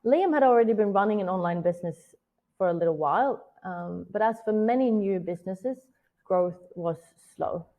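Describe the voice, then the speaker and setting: A Swedish woman in her thirties, speaking with a Swedish accent, gives an earnest, scripted webinar talk as a virtual event strategist, weaving in personal storytelling. Her medium-pitched voice is expressive and moves at normal speed, and the audio has phone-like quality.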